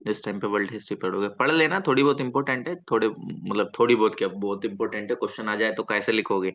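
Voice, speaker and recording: A man's voice: lowish voice, quick pace, fairly bright tone. A male teacher giving a classroom lecture, often asking the students questions and repeating himself to coax answers. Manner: asks students questions, coaxing and repetitive. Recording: slightly dull lo-fi sound.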